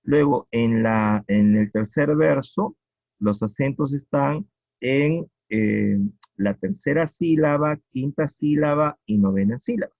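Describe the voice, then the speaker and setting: A man with a Peruvian accent teaching a poetry lesson, explaining slowly and repeating each point with checking questions. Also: mid-range voice, animated, gravelly, dry recording. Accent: Peruvian Spanish. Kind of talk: classroom lecture on poetry. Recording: dull lo-fi recording.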